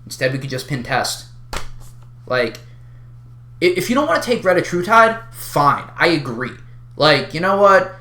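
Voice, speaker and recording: Exasperated, unhinged ranter with a bright, swooping voice. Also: medium pitch, very animated, a little slow, pauses often, reverberant. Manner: exasperated, wild unhinged ranting with sarcastic emphasis. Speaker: online video creator addressing a community. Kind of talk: unscripted opinion rant to the listener, casual and sweary.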